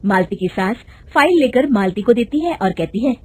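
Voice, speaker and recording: A woman narrating a cartoon story in a plain, steady storytelling manner. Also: fairly high pitch, normal speed, slightly rough.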